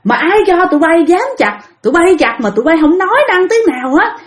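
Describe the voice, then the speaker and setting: A woman's voice: very high-pitched, big pitch swings, a little fast, voice pushed up. A woman narrator voicing the spirit of a grandmother who has possessed an old woman, scolding and accusing over and over. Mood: angry scolding.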